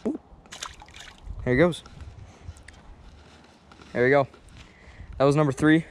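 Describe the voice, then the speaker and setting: Young man, excited, chatty fishing vlog, rocky riverbank outdoors, head-mounted camera, faint outdoor noise. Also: a little high, slow. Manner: excited, chatty, talks to fish while unhooking. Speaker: fishing vlogger. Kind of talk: casual fishing vlog commentary. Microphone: head-mounted action camera.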